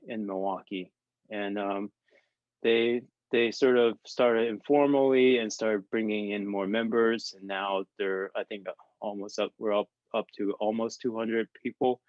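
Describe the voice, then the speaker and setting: A man from Taiwan, answering interview questions in a halting way with many fillers and restarts. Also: lowish voice, no room sound. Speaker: guest artist. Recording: dull lo-fi dry sound.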